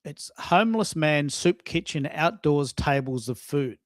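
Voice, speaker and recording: Chatting casually on a live online audio show, this male host thinks aloud haltingly and often repeats himself while addressing listeners. His voice is a little high and animated, captured in a dry, clean studio recording.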